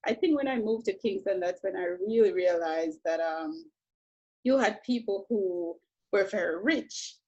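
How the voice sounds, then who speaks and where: A woman from Jamaica, a painter telling her story in a relaxed, reflective conversation, often saying "you know". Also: medium pitch, a little slow, breathy edge, muffled recording. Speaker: painter, interview guest.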